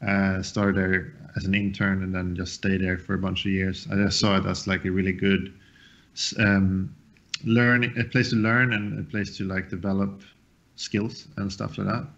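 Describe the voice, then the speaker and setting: A man's voice: deep voice, level tone, normal speed, a bit bright, highs cut off. A man from Sweden, a guest on a live show, chatting casually and loosely with fillers and restarts. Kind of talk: casual podcast chat.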